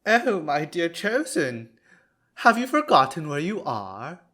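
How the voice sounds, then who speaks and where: This is dramatic visual novel acting: a man voices a smug, scheming young male noble, taunting, theatrical, mock-sweet, and haughty. His exaggerated voice is on the high side, very animated, slow, and bright with a forceful tone.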